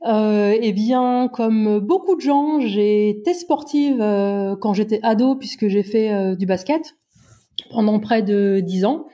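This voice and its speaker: Fortysomething woman on a podcast, warm lowish tone, lots of euhs, jokes about herself. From Brittany, France. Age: 40s. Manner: hesitant, many filler pauses, self-mocking humour. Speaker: guest, amateur endurance runner. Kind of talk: podcast interview.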